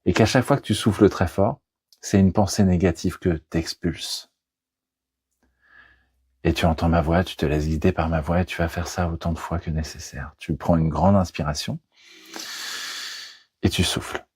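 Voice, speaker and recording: Deep-voiced man guiding hypnosis, husky and dry. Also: fairly even intonation, darkish tone, dry recording. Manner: soothing, slow, deliberate guiding delivery. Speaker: hypnosis trainer and guide. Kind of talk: guided hypnosis session.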